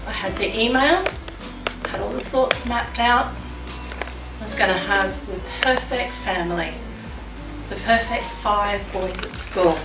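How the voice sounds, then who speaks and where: On stage in a large hall at a live show, a middle-aged woman performs a dramatic spoken-word monologue over music, playing a mother telling her story. Her mid-range voice moves at a measured pace with long pauses, picked up by a distant mic in an echoey room with music behind.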